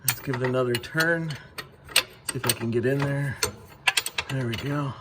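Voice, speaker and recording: Amid heavy background noise, a young man hosting a car DIY video explains a repair step by step as he works in his garage. His mid-range voice moves at normal speed, and his casual narration is full of fillers.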